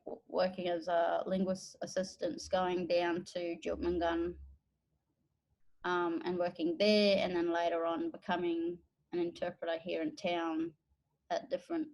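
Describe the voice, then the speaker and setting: Recorded on poor audio, this lowish-voiced woman from the Northern Territory of Australia works as an educator and interpreter. She recounts her own experiences unhurriedly and reflectively, pausing and using fillers along the way.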